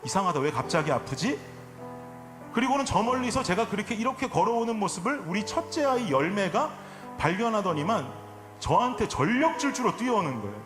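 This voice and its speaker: A man in his forties, a pastor preaching a sermon, telling a family story and building to impassioned, shouted preaching. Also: high voice, sing-song, a little fast. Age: 40s. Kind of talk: sermon with personal anecdote. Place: church sanctuary. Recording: echoey church hall with music behind.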